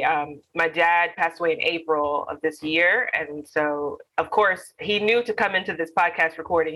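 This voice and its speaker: Bright-voiced woman poet from Alabama. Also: fairly low pitch, poor audio. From Alabama, USA. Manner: earnest, reflective, with frequent ums. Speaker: guest poet. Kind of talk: casual interview answers.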